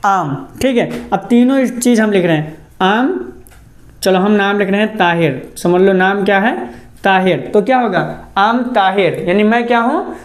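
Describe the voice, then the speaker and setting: A man teaching a classroom spoken-English lesson. He keeps asking a question and answering it himself, and he slows down to spell out example sentences word by word. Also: sits high.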